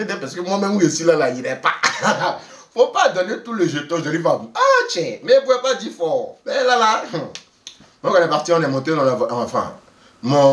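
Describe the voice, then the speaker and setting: A man telling a story in a lively, casual way, often laughing and acting out the people he quotes. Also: on the high side, distant mic. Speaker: vlogger telling a travel story. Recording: roomy echo, voice away from the mic.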